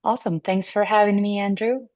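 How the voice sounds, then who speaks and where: A Venezuelan neurology resident in her thirties answers interview questions in a relaxed, thoughtful manner, with fillers and restarts. Her pitch is medium and she speaks fairly quickly. The audio is muffled and dry, with no echo.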